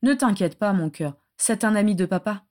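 A gentle young mother in a storybook reading, soft and kind even when she protests, as a woman narrator plays her. Close to the narrator's own voice. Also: medium pitch, moderate pace, lightly acted. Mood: tender.

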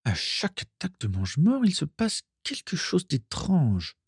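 A man reading a storybook and voicing a furious adult woman who shrieks accusations in a very high voice. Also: sing-song, a little fast, breathy edge, no echo, clean studio sound. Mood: muttering. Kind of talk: audiobook reading.

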